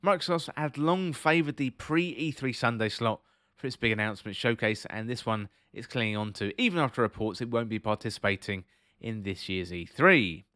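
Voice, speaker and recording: A man presents a podcast in a scripted commentary and news-reading style. His voice sits at an average male pitch. The recording is very dry, with almost no room sound. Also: normal speed, sharp tone, no room sound. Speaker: host of a video game podcast.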